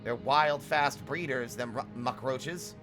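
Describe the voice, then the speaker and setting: A man voicing a gruff, rustic male bug villager in a video game, talking in a blunt folksy dialect. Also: mid-range voice, slow, close to an everyday voice. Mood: grumbling. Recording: game music behind.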